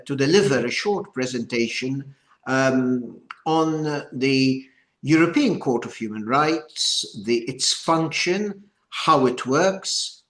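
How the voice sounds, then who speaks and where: An older man opening a training session for a group, speaking deliberately and haltingly with repeated words. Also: medium pitch, a bit bright. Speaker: former judge giving a training session. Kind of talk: informal lecture opening, addressing a group. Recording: echoey room.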